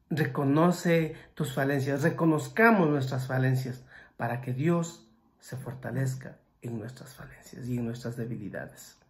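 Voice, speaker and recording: A man preaching a sermon who swings between loud exclamations and hushed passages and asks his listeners direct questions. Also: on the high side.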